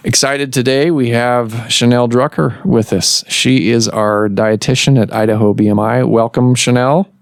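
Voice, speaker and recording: A man hosting a medical podcast, explaining things in a measured way with pauses and restarts. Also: medium pitch, fairly even intonation, gravelly, no room sound, clean studio sound. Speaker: podcast host and surgeon. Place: office recording room.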